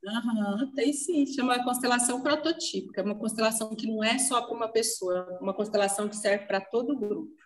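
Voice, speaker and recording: A woman telling an emotional personal story to a group, animated and acting out what she said back then. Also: fairly high pitch, quick pace, hardly any pauses, distant mic, rough recording. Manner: animated storytelling, acting out her own past words. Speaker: group participant sharing a story.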